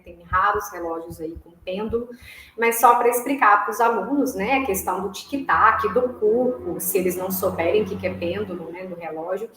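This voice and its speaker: A woman's voice: on the high side, echoey room, rough recording. A woman music teacher with a Brazilian Portuguese accent, explaining a lesson patiently and checking in with short tag questions, sometimes chanting rhythm syllables. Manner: explanatory, tags phrases with "né?" and "tá?".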